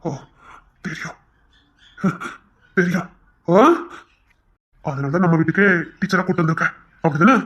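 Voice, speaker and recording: A man voicing a stern, hurt older brother who speaks slowly and accusingly. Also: fairly high pitch, fairly bright tone, pitched below the performer's own voice.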